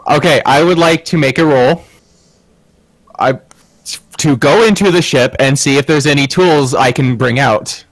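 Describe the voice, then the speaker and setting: A man's voice: fairly high pitch, unhurried, dry recording. Man on a harsh clipping mic. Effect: clipping, distorted mic peaking hard. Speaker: player. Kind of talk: playing a tabletop game online.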